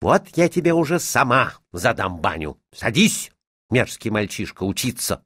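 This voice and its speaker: A man voicing a fussy, scolding middle-aged lady at her summer house, with a shrill, exclaiming manner. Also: very animated, moderate pace, fairly bright tone, husky, no echo, studio quality, exaggerated voice.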